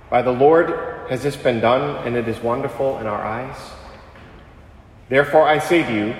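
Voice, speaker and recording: Priest in a cathedral echo. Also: male voice, mid-range voice. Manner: measured, phrase-by-phrase delivery. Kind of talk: Gospel reading and homily at Mass. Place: large church. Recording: long church reverb.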